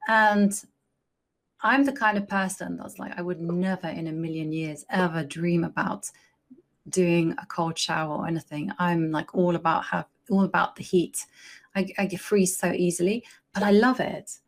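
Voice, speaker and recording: A woman's voice: fairly low pitch, steady tone, moderate pace, creaky. A woman streaming her chess games, chatting casually and thinking aloud as she plays. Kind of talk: casual live-stream commentary.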